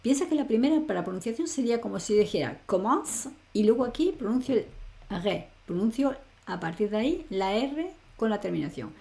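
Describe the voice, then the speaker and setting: A woman's voice: on the high side, animated, a little fast, gravelly, dark tone. A woman teaching an online grammar lesson, explaining patiently and often checking in with her student. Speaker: language teacher.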